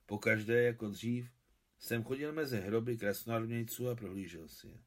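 A man's voice: medium pitch, close to an everyday voice. A man reading aloud and voicing an earnest, brooding old war veteran. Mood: musing. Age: older. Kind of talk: audiobook reading.

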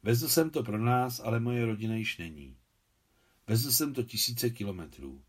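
A man voicing a quiet, grave, aging Soviet lieutenant colonel who speaks earnestly and with restraint. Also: mid-range voice, expressive, slightly rough. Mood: solemn.

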